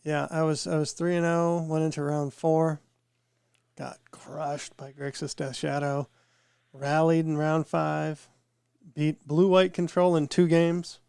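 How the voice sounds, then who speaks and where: A man's voice: on the high side, little pitch movement, measured pace, gravelly, darkish tone, smooth, no room sound, clean studio sound. A man co-hosting a podcast, talking casually and rambling, his voice nasal from a cold. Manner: rambling, repeats words as he thinks. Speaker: podcast co-host. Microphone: podcast microphone with headphones.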